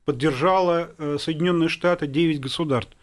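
Man, panel guest, a bit high-pitched, careful, qualifying, restarts often. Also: a little fast. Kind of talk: panel discussion.

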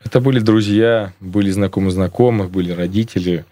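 Man, deep voice, dry studio sound, casual interview answers, informal coach. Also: fairly quick, warm tone, no room sound. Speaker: sports coach, interview guest. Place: radio studio.

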